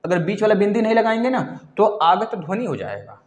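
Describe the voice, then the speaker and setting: A man's voice: sits high, very animated, a little fast. A man teaching Hindi grammar in an exam-prep lecture, repeating key words and quizzing his students, calling them "beta". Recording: echoey room.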